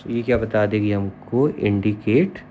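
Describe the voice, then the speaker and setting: A man's voice: on the low side, unhurried, warm tone, a little hiss or hum. A man teaching an online chemistry lesson, who spells terms out letter by letter and keeps checking in with his students. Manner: explanatory, checks in with repeated "okay".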